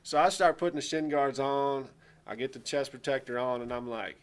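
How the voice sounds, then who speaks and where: A man who coaches baseball, telling a personal anecdote in a casual, animated way and playfully exaggerating. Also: medium pitch, brisk, clear, resonant tone.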